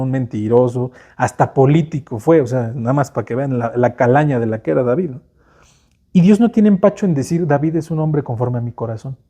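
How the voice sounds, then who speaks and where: Mexican preacher man, very dark voice. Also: medium pitch. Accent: Mexican Spanish. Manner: conversational preaching, tag questions, casual slang. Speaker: pastor. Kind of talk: sermon.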